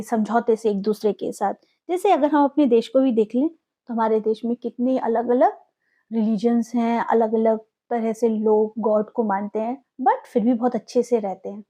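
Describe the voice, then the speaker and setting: A woman's voice: high voice, warm tone. An Indian woman teaching English vocabulary, asking questions and answering them herself as she mixes English words into her explanations.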